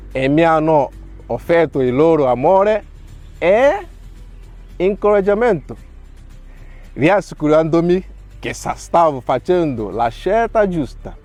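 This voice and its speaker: Slow, earnest priest from Nigeria. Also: male voice, a little high, a little mellow. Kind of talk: reading a prepared testimony.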